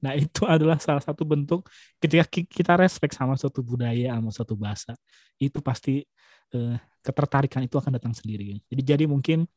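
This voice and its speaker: A young man speaking as a guest in a casual webinar chat, relaxed and chatty, with many fillers and restarts. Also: medium pitch, fast, no room sound.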